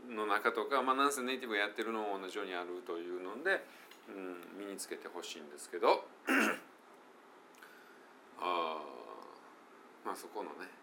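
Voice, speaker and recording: A middle-aged man with a Kansai accent gives a relaxed lesson on spoken English pronunciation, thinking out loud with fillers and slowly demonstrating English phrases. His voice sits low, with a faint hiss or hum in the background.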